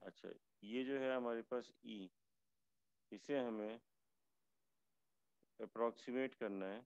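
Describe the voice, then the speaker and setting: A male lecturer with a hoarse voice, teaching a math class online slowly and haltingly, with many fillers. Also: medium pitch, fairly even intonation, no echo, muffled recording. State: hoarse, fasting.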